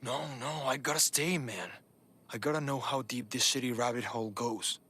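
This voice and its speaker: Husky, earnest young hacker. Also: male voice, mid-range voice, normal speed, pushed and bright. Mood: urgent, determined. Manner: casual, urgent, sweary. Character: earnest young male hacker activist, stubborn, big-hearted.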